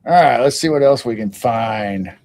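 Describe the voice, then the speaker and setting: A man hosting a casual live stream, thinking aloud in halting starts while studying something on his monitor. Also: mid-range voice, expressive, a little mellow. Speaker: stream host.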